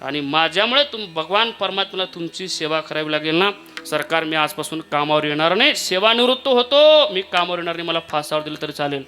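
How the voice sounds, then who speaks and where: A man's voice: fairly high pitch, fast, sharp tone. A man voicing a humble, devout barber in a sermon story, pleading earnestly and emotionally. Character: humble devoted male barber, pleading servant.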